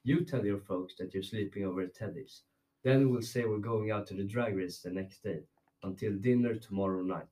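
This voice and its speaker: A sensible boy acted by a man in an amateur drama read-through. He is practical and reassuring, with a fairly low voice. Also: moderate pace, dark tone, lightly acted, rough recording. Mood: reassuring, planning.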